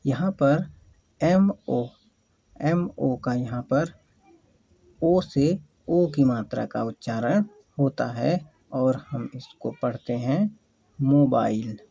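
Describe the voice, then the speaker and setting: Slow, patient teacher. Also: mid-range voice, creaky, mellow, slightly rough, no room sound, poor audio. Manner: patient, repeats questions and answers. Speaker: English teacher. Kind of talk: slow spelling-out lesson.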